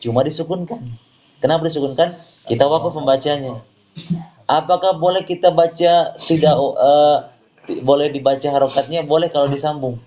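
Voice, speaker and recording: A man teaching tajwid, explaining slowly, repeating words and reciting examples for students to echo. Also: on the high side, steady tone, a little mellow, dull audio.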